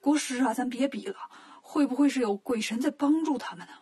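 A grumbling, short-tempered king, as a woman narrator puts him on in a children's storybook. He blusters and complains in a high, breathy voice. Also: a little fast, dark tone. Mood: weary.

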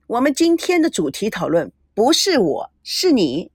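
A woman's voice: on the high side, huge pitch swings, normal speed, breathy edge, no room sound, studio quality, exaggerated voice. A woman voicing a brash, teasing young woman in an audio story, playful and bossy. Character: brash teasing young Taiwanese woman, cheeky self-styled beauty.

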